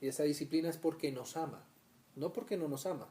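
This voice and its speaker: A man's voice: fairly high pitch, fast, mellow. A man from Colombia leading a conversational Bible study, often checking in with his listeners and acting out small everyday scenes. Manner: asks "¿cierto?" often, acts out little scenes. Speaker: Bible teacher.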